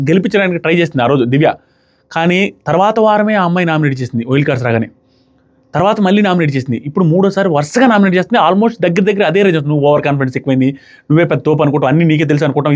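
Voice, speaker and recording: A man giving an emphatic, indignant review of a reality show. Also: sits high. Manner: emphatic, indignant, rapid-fire ranting. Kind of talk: opinionated review commentary.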